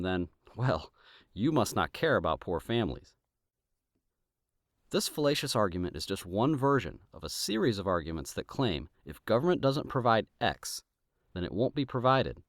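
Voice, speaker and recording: Male political commentator, scripted essay read: emphatic, rhetorical, lively intonation, dry sound. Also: fairly low pitch, moderate pace, no room sound. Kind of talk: scripted argumentative video essay.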